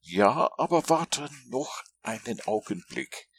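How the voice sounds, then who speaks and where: A man voicing a simple, earnest, honey-loving toy bear in a storybook read-aloud, in a slow, plaintive, raised voice. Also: mid-range voice, animated, breathy edge, pitched above the performer's own voice, exaggerated voice.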